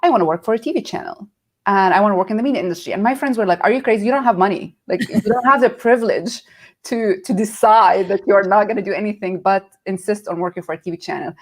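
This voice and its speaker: A middle-aged woman from Nazareth, appearing as a guest in a casual interview, shares the story of her career at a quick pace. Her voice sits in the mid range. She's lively, acting out the voices she quotes.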